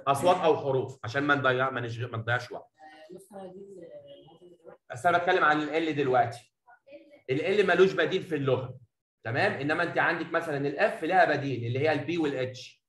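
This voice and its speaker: A man with an Egyptian Arabic accent teaching a poetry lesson in a classroom, talking affectionately to his students and mixing Arabic with slowly read English lines. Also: fairly high pitch, a bit bright, roomy sound, rough recording. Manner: affectionate, addresses students as "habibi" and "baba"; mixes Arabic explanation with slow English reading.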